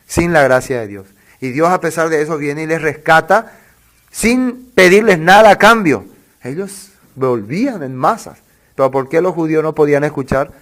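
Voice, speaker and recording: A male pastor preaching a sermon, asking the congregation rhetorical questions and reading scripture slowly and deliberately. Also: a little high.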